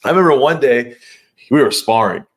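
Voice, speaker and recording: An earnest young man talks through a personal story as a podcast guest, casual and heartfelt. His voice sits at an ordinary middle pitch, and he often circles back and restarts his sentences as he goes. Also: animated, fairly quick, a bit bright.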